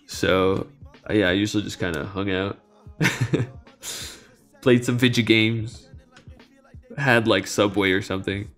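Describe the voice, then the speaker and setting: A man's voice: fairly low pitch, a little slow, long pauses, soft background music. Laid-back young Belgian-born man streaming. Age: 20s. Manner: relaxed and rambling, lots of fillers and soft laughs. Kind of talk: casual live-stream chat.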